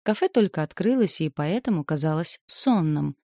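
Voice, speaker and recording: A woman reading a novel aloud as an audiobook narrator, in an even, measured storytelling way. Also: deep voice, no room sound, studio quality. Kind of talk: scripted narration.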